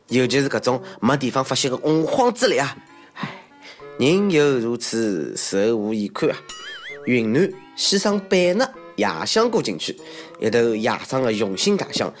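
A man with a Shanghainese accent hosting a comic monologue in a self-mocking, exclamatory way with theatrical asides. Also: mid-range voice. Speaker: comedy show host. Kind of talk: comedic monologue on odd news.

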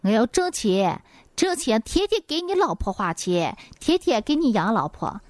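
A woman's voice: on the high side, big pitch swings, moderate pace, no room sound. A woman voicing an indignant middle-aged wife who scolds her husband.

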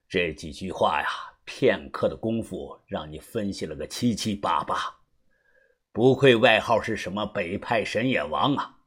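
A man voicing an older, calm, secretive uncle who speaks low, hushed and measured, as an audiobook character. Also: breathy edge, heavily acted. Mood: amused.

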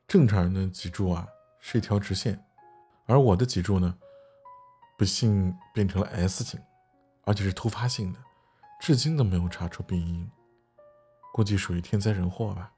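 A man narrating a first-person story read aloud, telling it in a lively, playful way. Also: low voice, normal speed, pauses often, husky. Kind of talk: reading an essay aloud as a story. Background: faint background music.

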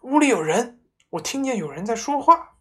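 A woman voicing a frightened mother, shrill and trembling as she talks. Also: very animated, normal speed, pushed and bright, slightly rough, full character voice. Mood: panicked. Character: panicky shrill housewife and mother.

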